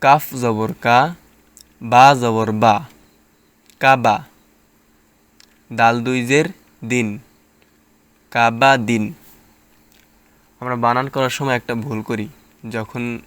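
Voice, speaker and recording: A man teaching Quran reading, sounding out letters and syllables in slow, drawn-out drills with quicker asides of explanation. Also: medium pitch, fairly bright tone, smooth. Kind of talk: step-by-step spelling lesson.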